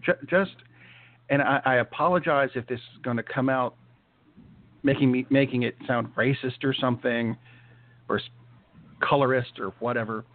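A man's voice: mid-range voice, moderate pace, long pauses. Hesitant man on a tinny line. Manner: hesitant, many restarts and fillers. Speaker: podcast co-host. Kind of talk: casual chat. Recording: tinny phone-like sound.

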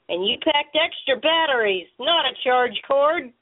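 A woman around thirty, co-hosting a casual chat in a relaxed way and laughing easily. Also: high voice, slow. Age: 30s. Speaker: podcast co-host. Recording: tinny phone-like line.

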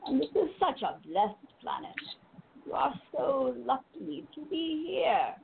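A serene spirit guide speaks through a woman in a seance medium's trance address, very slowly and solemnly. The voice is slightly high with some creak, and the phrasing is formal, tender and full of pauses. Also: very animated, full character voice. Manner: measured, formal phrasing with drawn-out pauses and endearments. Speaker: trance channeler and spiritual medium hosting a call-in show. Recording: muffled lo-fi audio with faint noise.

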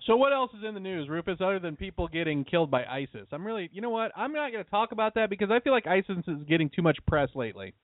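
A man's voice: high-pitched, very animated, quick pace, hardly any pauses, no room sound. A man co-hosting an internet radio show in blunt, profane banter, his voice breaking up over a glitchy call. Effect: voice breaking up over a glitchy, staticky Skype call. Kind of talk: casual banter. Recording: tinny, dry internet call line breaking up.

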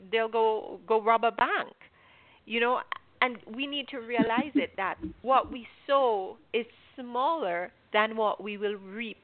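Earnest woman teaching on a phone line. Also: fairly high pitch. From Jamaica. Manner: earnest, instructive. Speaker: host.

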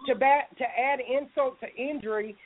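A woman's voice: high voice, normal speed, crowd noise. A woman hosting a call-in talk show, blunt and emphatic, with some profanity. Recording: tinny phone-like audio.

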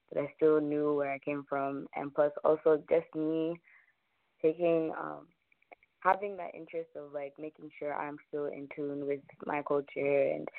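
A young woman with a Zambian-American accent speaks in a low, creaky voice. She is a guest in a conversational interview and picks her words with some hesitation. The sound is a dry, tinny phone line. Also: no room sound. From United States, born to Zambian parents. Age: young adult. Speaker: roundtable guest. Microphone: phone call.

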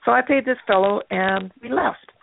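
Older woman guest artist, gravelly, chatty storyteller; tinny phone-line audio. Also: on the high side, moderate pace, a little hiss or hum. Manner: chatty, anecdotal, frequent fillers. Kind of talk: casual interview storytelling.

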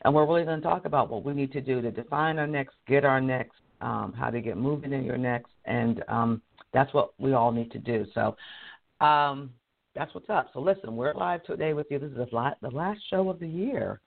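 Hoarse man, casual live host, chatty with frequent laughs, tinny phone-line sound. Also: mid-range voice, normal speed. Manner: chatty, laughs often, restarts sentences. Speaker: career coach and show host. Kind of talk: casual live-stream talk.

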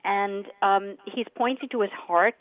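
A woman's voice: mid-range voice, measured pace. A woman gives live readings as a psychic medium in a mid-range voice. Her talk is chatty and direct, broken into short bursts. The audio is narrow and phone-like. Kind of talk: casual live readings, conversational.

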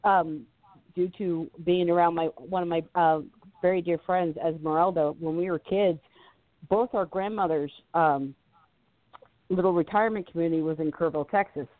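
A woman's voice: fairly low pitch, steady tone, normal speed, dry recording. A woman hosting a spiritual talk radio show, chatting casually with a guest, laughing often and dropping affectionate asides. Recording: dry tinny phone-line sound.

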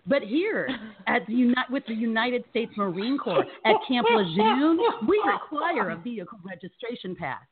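A woman's voice: on the high side, animated, moderate pace, a loud crowd, lightly acted. A woman voicing a stern, formal male Marine gate guard who speaks in clipped, by-the-book phrases. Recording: thin phone-like audio.

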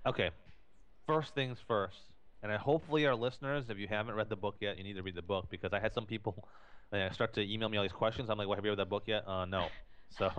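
Man with a lowish voice who explains things fast, lots of restarts. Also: fairly bright tone. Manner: explanatory, repeats and restarts phrases. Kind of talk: casual podcast talk. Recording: dull lo-fi recording.

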